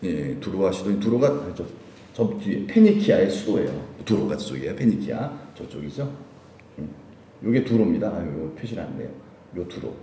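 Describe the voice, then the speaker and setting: A man's voice: deep voice, very animated, moderate pace, warm tone, roomy sound, far from the mic, a little hiss or hum. A male pastor giving a chatty sermon at a midweek prayer meeting, putting many questions to his listeners. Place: church sanctuary.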